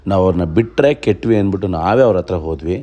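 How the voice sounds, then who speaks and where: A very low-pitched man tells the story in a fast, matter-of-fact voice-over. A clear layer of noise runs under his voice. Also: mellow. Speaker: narrator. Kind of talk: rapid voice-over recap.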